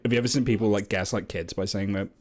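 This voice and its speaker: A man's voice: fairly low pitch, steady tone, fast talker. A man riffing jokingly on an old movie in casual chat, laughing often. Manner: jokey, laughs often, puts on old-timey voices.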